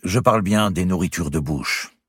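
A man voicing a cautious older male court astrologer who speaks slowly and carefully, with a husky voice. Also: sits low, no echo, clean studio sound, pitched above the performer's own voice. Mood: measured. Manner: slow, measured, careful.

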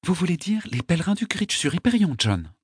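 Man doing a commanding noblewoman, husky high voice, swooping pitch, imperious questions, audiobook. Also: very animated, fairly quick, no room sound, studio quality, heavily acted. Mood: probing. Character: sharp commanding noblewoman interrogator. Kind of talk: audiobook character voice.

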